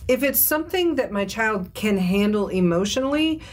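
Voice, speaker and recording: A woman co-hosting a live webinar Q&A, giving parenting advice in a measured, thoughtful, explanatory way. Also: medium pitch, expressive. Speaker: co-host and parent.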